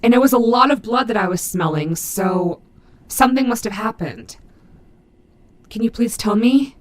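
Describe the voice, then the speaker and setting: A woman voicing a gruff but maternal animatronic wolf in an audio roleplay, fiercely protective, with halting, earnest, emphatic delivery. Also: a little high, expressive, slight background noise, close to an everyday voice. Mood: concerned, insistent. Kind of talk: dramatic audio roleplay addressed to the listener.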